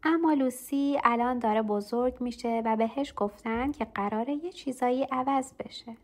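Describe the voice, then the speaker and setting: A woman narrates a simple children's story in a gentle, even storytelling manner. Her voice sits slightly high, and she reads clearly and calmly.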